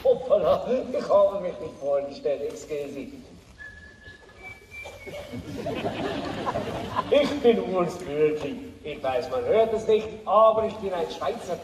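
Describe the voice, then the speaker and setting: An actor playing a chatty, fussy Swiss cheese peddler with a theatrical, drawn-out sing-song delivery. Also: male voice, very high-pitched, sing-song, noisy background, full character voice. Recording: echoey hall from far off.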